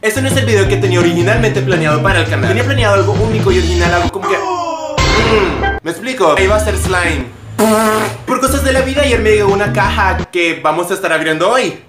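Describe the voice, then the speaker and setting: A man hosts a casual unboxing vlog, poking fun at himself as he rambles along. His voice sits a little high. The room sounds echoey and loud music plays behind him. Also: animated, fast. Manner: joking, self-mocking, rambling. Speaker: vlogger. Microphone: phone camera.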